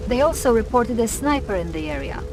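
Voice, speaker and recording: A woman voices a composed Soviet intelligence officer in a scripted video game mission briefing, addressing a commander in a formal, deferential, businesslike way. Her natural voice sits on the high side, with lively intonation and a fairly quick pace over music.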